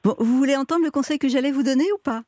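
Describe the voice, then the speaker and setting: A woman hosting a radio call-in show, giving advice in a calm, explanatory way. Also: high-pitched, rapid-fire, dry recording, studio quality.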